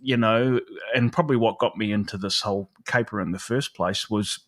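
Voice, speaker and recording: A New man hosts a live stream, chatting in a loose, rambling way full of fillers. His voice sits a little low, and the sound is dry and close. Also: fairly quick, a bit bright, dry recording. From New Zealand. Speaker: livestream host. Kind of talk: casual chat.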